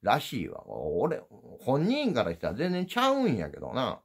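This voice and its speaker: Pitch swooping wildly at normal speed, this Osaka-dialect channel host, a middle-aged man with a low, gravelly voice, drifts through a casual monologue to viewers. He's meandering and self-mocking, captured on a handheld phone.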